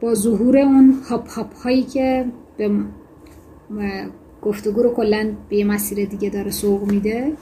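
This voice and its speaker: Mellow-voiced woman teaching fiction writing. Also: mid-range voice, steady tone, a little hiss or hum. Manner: conversational explaining with self-corrections, then measured reading. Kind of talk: lecture on fiction writing with read-aloud excerpts.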